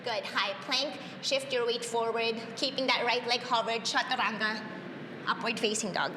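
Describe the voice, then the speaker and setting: This Tagalog-native yoga teacher calls out breath cues upbeat and full of cheers, her fairly high voice at a moderate pace. It's a roomy recording in a large hall, with noise in the background.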